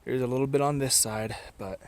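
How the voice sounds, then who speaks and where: A man's voice: mid-range voice, steady tone, a little fast, low-quality recording. A young man vlogging from a fishing trip, talking casually and poking fun at himself into a handheld camera by a stream. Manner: self-deprecating, chatty. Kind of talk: casual outdoor vlog narration. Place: outdoors by a stream in snowy, windy weather. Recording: wind and outdoor noise behind.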